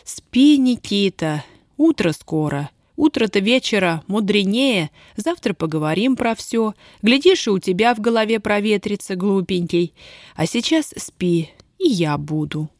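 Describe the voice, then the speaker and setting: A woman reading an audiobook, voicing a proud, poor young Roma woman who scolds and then coaxes softly. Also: mid-range voice, lively intonation, unhurried, no echo, clean studio sound, natural voice. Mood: tender. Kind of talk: audiobook character voice.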